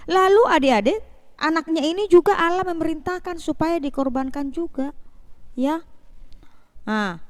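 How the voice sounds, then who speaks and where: A high-pitched woman tells a Bible story to kids in the manner of a Sunday school teacher, lively and full of rhetorical questions and repeated lines.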